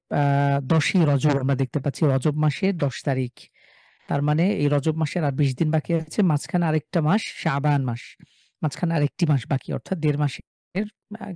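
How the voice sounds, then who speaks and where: A man from Bangladesh teaching a live online class on reading the Quran. He explains in a relaxed way with many fillers and chants example syllables slowly. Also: a little high, no room sound.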